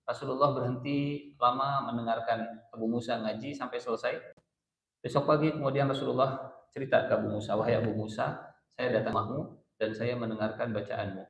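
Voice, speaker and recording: A man's voice: mid-range voice, fairly even intonation, brisk, vocal fry, lo-fi sound. Sundanese-accented male preacher in an echoey room. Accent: Sundanese-inflected Indonesian. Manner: chanting Arabic verses, mixing in Sundanese asides. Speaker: ustadz teaching a Quran study circle. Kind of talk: Islamic study lecture.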